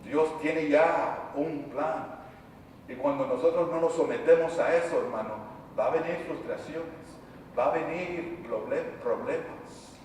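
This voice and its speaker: High-voiced preacher man, echoey church hall. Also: a little slow, distant mic, slight background noise. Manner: impassioned preaching, swinging from quiet to shouting. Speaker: pastor. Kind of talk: sermon. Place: church sanctuary.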